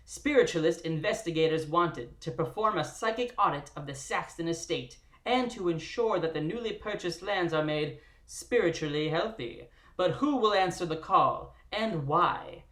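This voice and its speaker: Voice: medium pitch, fairly bright tone, reverberant, close to an everyday voice. Host putting on a theatrical 1920s radio announcer. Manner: theatrical, punchy announcer delivery. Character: old-timey 1920s radio announcer narrator.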